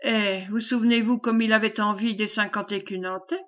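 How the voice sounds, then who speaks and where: A woman's voice: medium pitch, fairly even intonation, normal speed, a bit bright, lo-fi sound, lightly acted. A woman reading the part of a stubborn, greedy male knight in a brusque, ordering manner. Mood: commanding.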